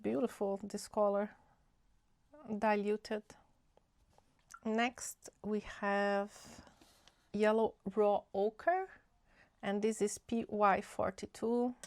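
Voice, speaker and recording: Hosting a casual watercolor tutorial on her art channel, a woman speaks at a medium pitch, a little nasal from a cold. She's unhurried and chatty, thinking aloud, though her delivery comes across flat.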